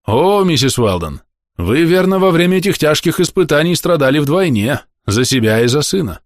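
Man doing an ingratiating trader, faintly ironic, lively pitch, storybook reading. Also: moderate pace, no room sound, studio quality. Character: smooth-talking middle-aged male trader, falsely friendly.

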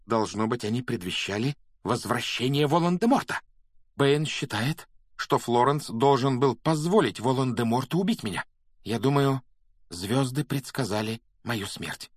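A man's voice: lowish voice, normal speed, no echo, clean studio sound, natural voice. A man voicing a frightened, agitated schoolboy in a storybook reading, speaking in a tense, urgent way.

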